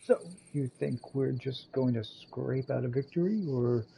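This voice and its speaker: A man's voice: medium pitch, measured pace, vocal fry, dark tone, a little hiss or hum. A man doing a cocky young warrior. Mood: boastful. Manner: cocky, bickering. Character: brash boastful young male warrior.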